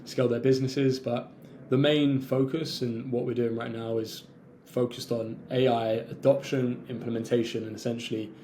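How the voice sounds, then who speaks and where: A young man from London, an entrepreneur guest on a podcast, telling his story in a fluent, conversational way and now and then clearing his throat. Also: mid-range voice, flat delivery, moderate pace, dark tone, slight background noise. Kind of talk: casual interview chat.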